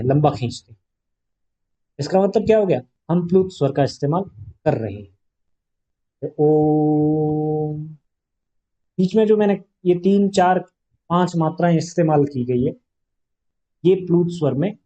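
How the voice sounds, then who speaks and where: Mellow-voiced male grammar teacher. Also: on the high side. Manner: explains patiently, poses rhetorical questions, stretches vowels to demonstrate. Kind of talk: classroom grammar lesson. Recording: dull, lo-fi classroom recording.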